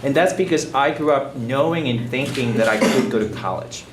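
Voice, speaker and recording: A man's voice: medium pitch, moderate pace. A man from Guatemala, a city supervisor, speaking earnestly on a panel and often restarting his phrases. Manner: earnest, personal, repeats words when starting phrases. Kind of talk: panel discussion remarks. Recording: roomy, distant public-address sound with faint noise.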